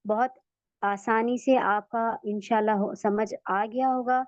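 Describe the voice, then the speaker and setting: Patient woman teaching recitation, high voice. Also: steady tone, no room sound, lo-fi sound. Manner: patient, repeats sounds slowly for students to copy. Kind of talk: online pronunciation lesson.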